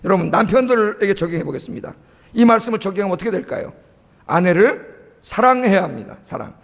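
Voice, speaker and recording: High-voiced pastor preaching in an echoing church. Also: male voice, big pitch swings, fast, gravelly. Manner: emphatic, keeps asking the congregation rhetorical questions and prompting "eh?". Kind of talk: sermon. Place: church sanctuary. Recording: long reverb of a church hall.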